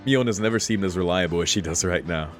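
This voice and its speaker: This man has a low voice and talks fast as he streams a visual novel, reading its text aloud and dropping easygoing, informal remarks. Faint game music sits behind his voice.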